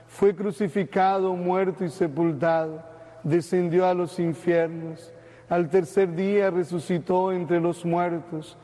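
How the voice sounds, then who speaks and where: High mellow priest in cathedral echo. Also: male voice. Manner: measured, solemn liturgical recitation. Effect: long cathedral-like echo. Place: large church. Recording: long echoing church reverb.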